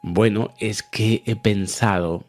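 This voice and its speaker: A man's voice: lowish voice, fairly even intonation, takes it slowly, darkish tone, soft background music. A man voicing an anxious mountain climber in a joke, hesitating and stumbling over his words. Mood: fretful. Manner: hesitant, stammering restarts.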